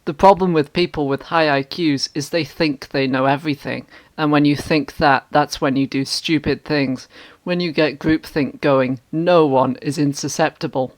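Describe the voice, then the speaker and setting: Measured, mock-serious reader, mid-pitched voice. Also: fairly even intonation. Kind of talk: scripted reading of online comments.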